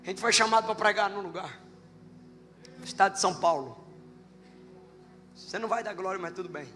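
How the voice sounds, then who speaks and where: Brazilian man preaching, very high bright voice, joking storyteller, long church reverb, faint music behind. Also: brisk. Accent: Brazilian Portuguese. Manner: lively storyteller, jokes with the congregation. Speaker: pastor. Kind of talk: sermon with a humorous testimony. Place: church hall.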